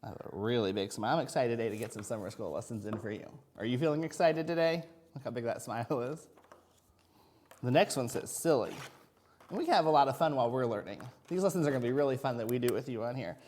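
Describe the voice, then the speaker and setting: A man works as a kindergarten teacher, leading a children's video lesson at a middling pitch. He speaks directly to little kids in simple, encouraging words. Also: quick pace, darkish tone, a little hiss or hum. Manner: simple, encouraging talk addressed to young children.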